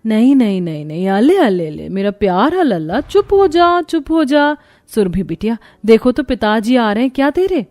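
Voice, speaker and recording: A woman's voice: fairly high pitch, lively intonation, a little fast, few pauses, warm tone, natural voice. A woman voicing a poor, tired young mother and wife with a sorrowful, complaining tone, in storybook acting. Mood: soothing.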